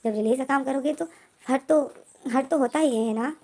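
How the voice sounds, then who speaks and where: Lady doing a pushy young guy, coaxing and insistent, quick high voice. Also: warm tone.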